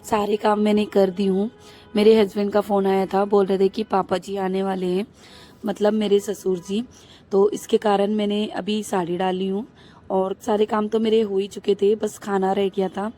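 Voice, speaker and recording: Out on her rooftop, a young housewife and mother vlogs casually, her thick, husky voice hoarse from a cold. She speaks at medium pitch and normal speed in a flat, even tone with a dark, mellow timbre. Her chatty talk rambles along, full of fillers.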